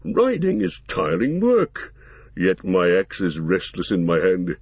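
A man voicing a gruff, stout male dwarf warrior who speaks deep, slow and booming. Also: huge pitch swings, dry recording, dull audio, full character voice. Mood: weary.

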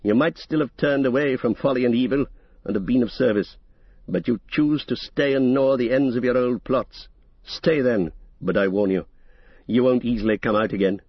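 A man's voice: mid-range voice, normal speed, husky, dry recording, highs cut off, close to an everyday voice. Man playing a stern, commanding old wizard. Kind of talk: audiobook character reading.

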